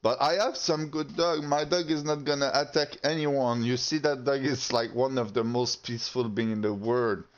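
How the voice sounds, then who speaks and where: Brief: a man ranting to camera, fired up and foul-mouthed, stumbling over his words, mid-pitched, recorded on slightly muffled audio. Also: fairly even intonation. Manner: heated, profane, halting with restarts. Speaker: channel host. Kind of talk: casual rant to camera.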